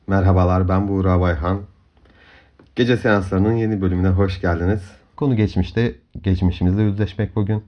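A man hosting a guided hypnomeditation in a calm, soft, soothing voice, giving measured instructions with long pauses. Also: deep voice. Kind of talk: slow guided meditation narration. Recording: dull lo-fi audio under music. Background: clear background music.

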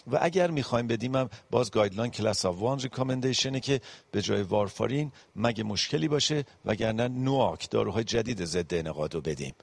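A man giving a medical panel lecture on cardiology, explaining step by step with frequent pauses and English medical terms mixed in. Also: on the low side, animated, creaky, no echo. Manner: mixes English medical terms into his speech.

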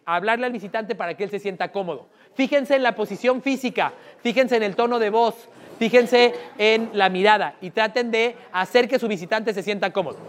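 A man's voice: high voice, clean tone. A man with a Mexican accent running a live sales workshop, asking the audience frequent questions. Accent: Mexican Spanish. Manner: lively, asks the room questions often. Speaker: sales trainer.

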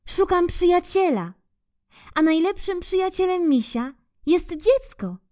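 A woman doing a gentle, hesitant little bear. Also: very high-pitched, animated, measured pace, voice pushed up. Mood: excited. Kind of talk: storybook reading for children.

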